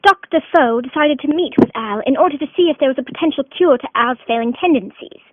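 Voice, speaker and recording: A woman's voice: high-pitched, fast talker, no echo. A woman narrating a student mock documentary in a dramatic announcer tone. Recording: dry, tinny phone-like voice-over.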